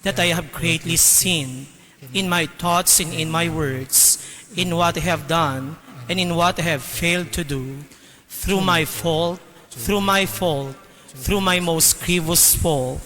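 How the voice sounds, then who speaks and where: Man, slow solemn liturgical reading, formal lector, sharp clear-cut tone, big cathedral echo. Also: fairly high pitch. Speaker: lector and Mass commentator. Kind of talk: formal liturgical announcement and prayer. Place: large cathedral, amplified. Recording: cathedral echo, long reverberation.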